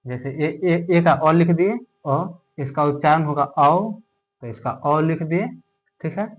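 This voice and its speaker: A man's voice: fairly high pitch, takes it slowly, low-quality recording. A man teaching English pronunciation step by step, asking himself questions and answering them, often checking in with the viewers. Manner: explains step by step, asks and answers his own questions, keeps checking in with "okay?". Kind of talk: classroom lesson.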